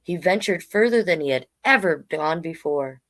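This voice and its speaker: A woman with a low voice, lively intonation and a fairly bright tone hosts a storytime at a normal speed. She's a drag king storyteller who reads picture books aloud casually, dropping in chatty comments as she goes.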